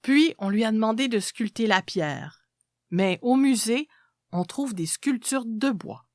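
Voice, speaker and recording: A woman's voice: on the high side, lively intonation, a little slow, no room sound. Woman reading a story, dry close sound. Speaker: narrator of a literary short story. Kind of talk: scripted literary narration, read aloud.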